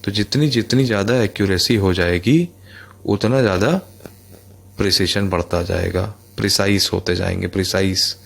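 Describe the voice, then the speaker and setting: Male physics teacher, lowish voice, casual lecturing tone, repeats himself, addresses listeners directly. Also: fairly even intonation, moderate pace, creaky, a bit bright. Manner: conversational, addresses listeners as bhai, repeats phrases. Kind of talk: explanatory lecture.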